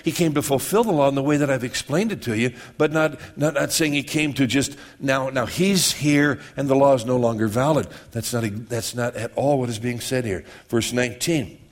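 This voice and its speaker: A man's voice: mid-range voice, moderate pace, few pauses. A man giving a conversational sermon, often repeating and restarting words and checking that his listeners follow. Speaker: pastor.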